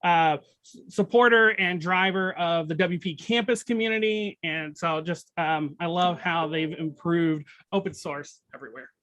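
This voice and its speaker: Bright, upbeat stream co-host, dry sound. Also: medium pitch, normal speed, dry recording, poor audio. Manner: upbeat, enthusiastic hype. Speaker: co-host of a community livestream. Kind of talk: casual livestream chat.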